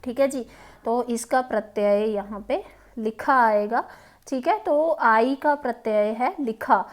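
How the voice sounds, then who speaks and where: A woman with a Himachali Hindi accent teaches exam grammar in a patient, unhurried way, often pausing and checking that the listener is following. Her voice sits a little high, and she takes her time over each point. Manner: patient, repeats "ठीक है" and "है ना", many hesitations. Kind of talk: explaining Hindi grammar questions.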